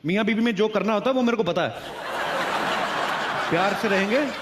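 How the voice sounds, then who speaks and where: High-voiced cheeky male comedian on stage. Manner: cheeky, joking, quick retorts. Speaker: comedian host. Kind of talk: comic banter on an award stage. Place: large award show stage. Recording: roomy hall with crowd and noise.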